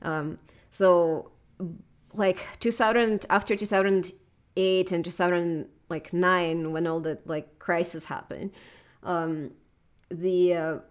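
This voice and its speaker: With a lowish, clean-toned voice, a YouTuber in her thirties from southern Russia answers interview questions casually and hesitantly. She has a Russian accent and leans heavily on fillers.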